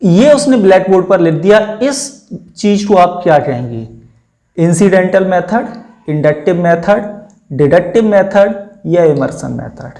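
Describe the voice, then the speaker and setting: Man, exam-prep teacher, a touch high-pitched, reads English options slowly, then explains them in Hindi. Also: big pitch swings, creaky, dark tone. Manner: addresses viewers as friends.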